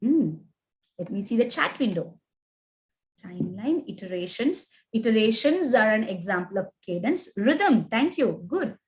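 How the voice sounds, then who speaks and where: This agile trainer is a woman with an Indian English accent leading a live online session in a fairly high, lilting voice at a measured pace. The audio quality is poor. She poses questions, voices the answers typed in chat and repeatedly adds "right?" and "okay?".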